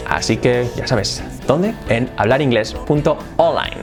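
A man's voice: medium pitch, lively intonation, a little slow, over music. A Spanish-speaking man teaching an English pronunciation lesson, moving between Spanish and English example phrases. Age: adult.

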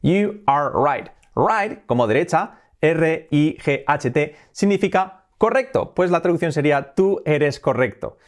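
A man from Spain teaching English in a video lesson, explaining in Spanish and saying the English phrases slowly and clearly. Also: on the high side, expressive.

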